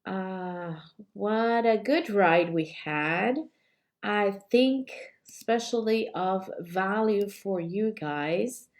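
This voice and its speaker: A woman coach with a flu and a slightly hoarse voice, teaching a live online class and chatting with viewers, often apologizing. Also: medium pitch, very slow. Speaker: cake decorating coach. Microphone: computer mic while streaming.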